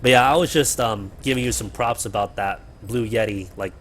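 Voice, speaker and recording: A man's voice: fairly low pitch, a little fast, a bit bright, a little hiss or hum. A man hosting a gaming livestream from his apartment, chatting casually and rambling with fillers and the odd swear word, his cheap mic close to his mouth. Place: home apartment.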